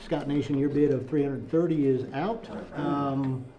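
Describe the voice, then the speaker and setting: A man co-hosting a live radio auction, briskly rattling off bid updates. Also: medium pitch, steady tone, dull audio, a crowd in the background.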